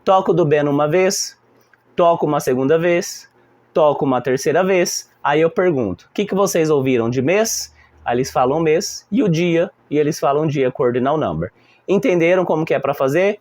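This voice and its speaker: Animated Brazilian teacher, fairly high voice. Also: male voice, normal speed. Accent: Brazilian Portuguese. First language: Portuguese. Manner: animated, acting out classroom exchanges. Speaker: teacher explaining a lesson plan. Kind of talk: instructional talk to fellow teachers.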